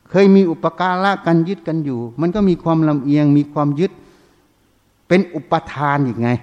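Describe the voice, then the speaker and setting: A man's voice: on the high side, darkish tone, highs cut off. A man, a Buddhist monk teacher, giving a dharma talk and constantly quizzing his listeners with short questions. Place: meditation centre hall. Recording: long reverb of a large hall.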